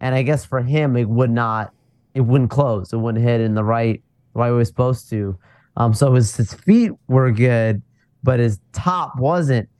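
A man's voice: medium pitch, unhurried, a little mellow, no echo. A man hosting a casual podcast chat, rambling through a story with lots of fillers. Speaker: podcast host.

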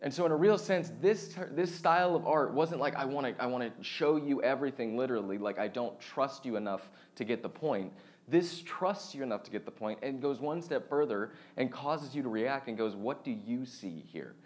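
A man of thirty giving a relaxed, conversational sermon as pastor, chatty and self-deprecating, with frequent fillers and restarts. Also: medium pitch, moderate pace. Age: 30s.

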